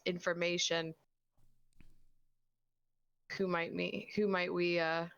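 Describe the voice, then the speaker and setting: A woman's voice: lowish voice, flat delivery, takes it slowly, gravelly, a bit bright, smooth, highs cut off. A woman chatting casually and playfully as a player in a tabletop game, with slangy phrasing.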